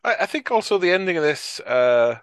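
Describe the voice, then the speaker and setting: A man's voice: on the high side, big pitch swings, a little fast, a bit bright, clear, resonant tone, no room sound. A man, co-hosting a casual film discussion, who rambles, swears freely and often leaves sentences unfinished. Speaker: podcast co-host.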